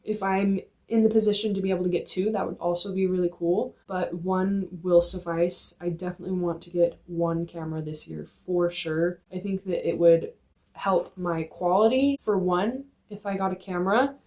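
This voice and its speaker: A woman's voice: lowish voice, steady tone, normal speed, warm tone. A young woman talking to camera in a casual vlog, chatty and earnest with lots of "like", filmed on a phone on a tripod in a dim room at home. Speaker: vlogger. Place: dim room in her apartment.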